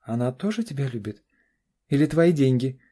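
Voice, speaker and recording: A man's voice: mid-range voice, very animated, normal speed, dark tone, slightly rough, voice pushed up. Man voicing an anxious, insistent young daughter. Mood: incredulous. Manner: pleading, insistent, keeps saying "dad". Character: young adult woman, anxious, pushy daughter. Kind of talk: audiobook character voice.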